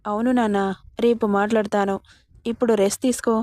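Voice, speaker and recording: A woman reads the part of a mild, patient father reasoning calmly with his son. The tone is mellow and a little high, with a dry, close sound. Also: a little fast, no room sound, natural voice. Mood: gentle. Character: gentle, patient middle-aged father.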